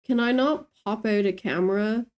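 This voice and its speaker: A woman's voice: mid-range voice, normal speed, darkish tone. A woman chatting in a casual, offhand way.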